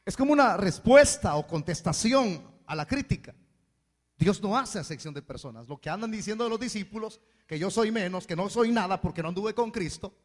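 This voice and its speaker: A man preaching a sermon as pastor, with animated asides where he mimics complaining people. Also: sits high. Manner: preaching with acted asides in mocking voices. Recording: hall reverb.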